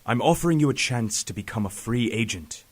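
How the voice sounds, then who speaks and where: An actor playing a calm, authoritative professor, measured and formal, in a superhero audio drama. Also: male voice, mid-range voice, close to an everyday voice. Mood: assured, businesslike. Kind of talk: fan-made superhero audio drama acting.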